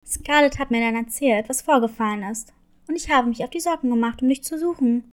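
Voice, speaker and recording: A woman's voice: fairly high pitch, fairly quick, voice pushed down, close to an everyday voice. A woman voicing a strong, proud grown male cat who is a loving father, in a children's story. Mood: fatherly. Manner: warm, confident, boastful. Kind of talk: storybook reading.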